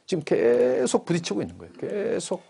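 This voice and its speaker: A male preacher delivering a sermon in church. His voice is husky and a little breathy, and his pitch moves widely, rising for emphasis and falling back down. He keeps asking the congregation questions and then answers them himself. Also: fairly quick. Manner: animated, asks the congregation questions.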